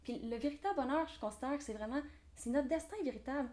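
On a podcast, a real estate developer in her twenties speaks with a Québécois French accent, fast and full of enthusiastic, motivational energy. She has a high, slightly mellow voice.

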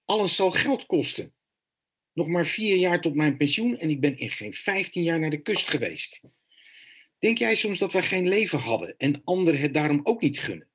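A man's voice: on the high side, very animated, normal speed, fairly bright tone, slightly rough, exaggerated voice. An actor playing an anxious, defensive male teacher and father near sixty who stammers. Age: about 60. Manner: hesitant, stammering.

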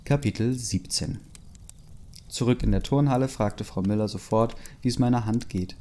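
A man's voice: medium pitch, normal speed, mellow. A young man casually reading a fan story aloud, breaking in with his own asides and chuckles. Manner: reads loosely, interrupts with asides and chuckles. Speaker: story reader.

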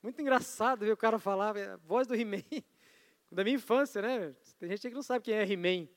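A Brazilian pastor with an unusually high voice preaches a sermon in a loose, chatty style, tossing in asides and questions to the congregation. His voice echoes long through a large church hall. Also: brisk. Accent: Brazilian Portuguese. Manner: conversational preaching with asides and audience prompts.

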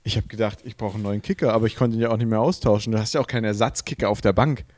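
A man's voice: lowish voice, rapid-fire. A man co-hosting a casual podcast, telling stories with jokes and plenty of swearing. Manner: joking, swears freely, animated storytelling. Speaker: podcast co-host.

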